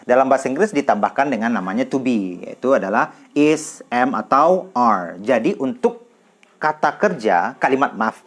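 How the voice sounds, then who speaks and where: Man, casual English tutor, animated pitch, drills examples slowly. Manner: lively, repeats example sentences slowly and clearly. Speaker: English teacher. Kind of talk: casual classroom explanation.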